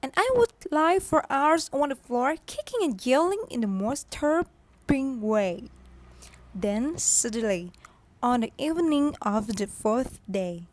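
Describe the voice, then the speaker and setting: Woman doing a bratty spoiled rich girl, thai accent, high voice, slow, dry close sound. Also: lively intonation, dry recording. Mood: boastful. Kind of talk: student stage play.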